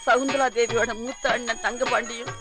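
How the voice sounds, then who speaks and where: An elder recounting a family feud. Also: male voice, extremely high pitch, level tone, a little fast, over loud music. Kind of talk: Tamil film acting.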